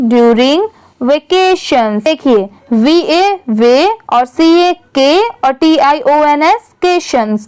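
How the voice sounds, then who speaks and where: A woman teaching English reading, spelling words out letter by letter and answering her own questions patiently. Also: high voice. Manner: patient, asks questions and answers them herself; reads English sentences very slowly, word by word.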